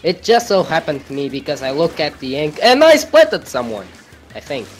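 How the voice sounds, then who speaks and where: A man's voice: fairly high pitch, wildly swooping pitch, normal speed, soft background music. Playful trash-talking gamer guy. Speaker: gamer on a live stream. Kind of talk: casual gaming banter.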